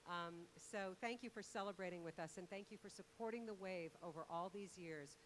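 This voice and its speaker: A woman's voice: fairly low pitch, a little fast, a little hiss or hum. A middle-aged woman, a radio host, emceeing from an outdoor concert stage into a handheld mic, chatty and full of thank-yous.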